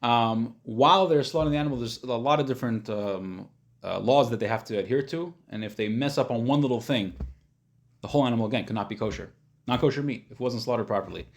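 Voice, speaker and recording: A man's voice: medium pitch, fast. A man teaching an informal religious class. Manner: hesitant, searching for words, thinking aloud; casual, plain-spoken, simplifying. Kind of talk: informal religious lesson, explaining.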